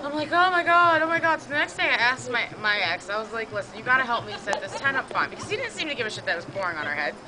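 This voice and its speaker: A woman with a hoarse voice telling a rambling, profane camping story to friends, acting out the people she quotes. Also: a little high, big pitch swings, very fast, hardly any pauses, a crowd in the background, noisy background. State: hoarse, says she has no voice. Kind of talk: casual storytelling among friends. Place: outdoors at a campsite.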